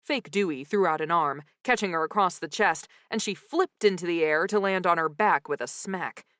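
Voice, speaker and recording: A woman narrating a comic mystery audiobook in first person with lively, wry storytelling, close to the mic. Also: fairly low pitch, normal speed, no echo.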